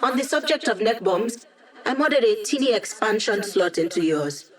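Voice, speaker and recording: A woman's voice: a little high, lively intonation, normal speed, close to an everyday voice. A woman voicing a digitized young female hacker in a video game, a wry, upbeat ally with casual, techy chatter.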